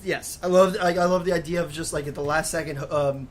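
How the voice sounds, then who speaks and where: Giggly male co-host, slightly high voice, faint noise underneath; loose banter. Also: steady tone, brisk. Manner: giggly, joking, puts on silly voices. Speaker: podcast co-host. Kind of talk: casual banter.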